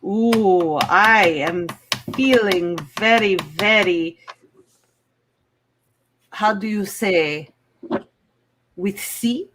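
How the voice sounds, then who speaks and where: A woman playing a grand, coy bachelorette with a put-on Russian accent. She draws every word out slowly and theatrically, in a medium-pitched voice. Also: fairly bright tone, slight background noise, poor audio. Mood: haughty, coy. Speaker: contestant picking a band. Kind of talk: improv game-show comedy.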